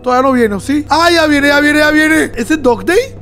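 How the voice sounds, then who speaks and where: A man doing let's-play commentary, talking to his viewers excitedly and yelping and laughing at the scares. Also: very high voice, normal speed. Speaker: gamer. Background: game music.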